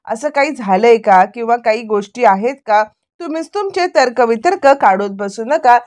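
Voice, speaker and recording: A woman voicing a calm, reasonable young brother-in-law who urges others to listen. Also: on the high side, normal speed, natural voice. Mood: urging. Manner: reasoning, urging.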